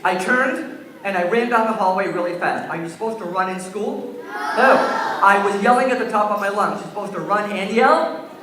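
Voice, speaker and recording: At a school assembly, a man tells a story to young children and puts questions to them, taking their answers. The far-off camera in a large gym leaves his high-sitting, normal-speed voice very echoey, with background noise.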